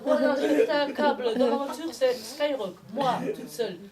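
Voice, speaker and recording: A woman's voice: high-pitched, normal speed, crowd noise. A middle-aged woman from France doing a chatty stand-up comedy set, acting out bits of dialogue. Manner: chatty, animated storytelling, acts out dialogue. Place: comedy club stage. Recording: comedy club with loud audience laughter. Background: audience laughing.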